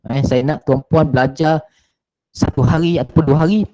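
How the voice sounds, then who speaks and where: A man's voice: a little high, steady tone, moderate pace, warm tone, poor audio. A man gives an online marketing class in a slightly raised voice. He drills each point twice and keeps turning to his students with polite forms of address. Short "ha" and "eh" fillers dot his speech. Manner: repeats points and keeps addressing listeners as sir and madam; frequent filler sounds "ha" and "eh". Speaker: marketing trainer. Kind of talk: online business class lecture.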